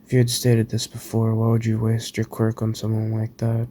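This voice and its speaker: A man's voice: fairly low pitch, completely flat delivery, moderate pace, mellow, a little hiss or hum, voice pushed up, natural voice. A man voicing a dejected teenage boy. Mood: resigned.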